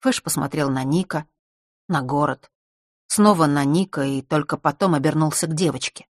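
Audiobook narrator: a woman with a lower voice and a dry, close recording. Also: no room sound. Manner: even, measured storytelling. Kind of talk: scripted narration.

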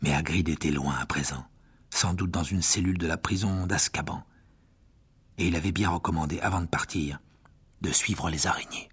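A man's voice: deep voice, moderate pace, breathy edge. A man narrating a fantasy audiobook dramatically, often dropping to a whisper. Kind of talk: expressive audiobook reading.

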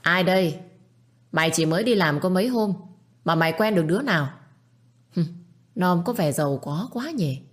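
A woman's voice: fairly low pitch, lively intonation, moderate pace, long pauses. A woman voicing a spiteful middle-aged stepmother who screeches insults and taunts. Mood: scolding.

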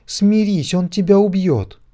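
A man's voice: a little high, lively intonation, measured pace, mellow, pitched above the performer's own voice. A man voicing a desperate, pleading old woman priestess in an audiobook, crying out in fervent pleas.

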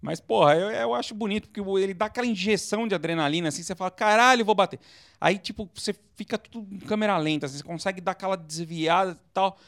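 A man from Brazil co-hosting a casual late-night chat show, telling animated stories and bursting into movie-style screams. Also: sits high, fast talker, creaky, hardly any pauses, dry recording, clean studio sound. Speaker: podcast co-host.

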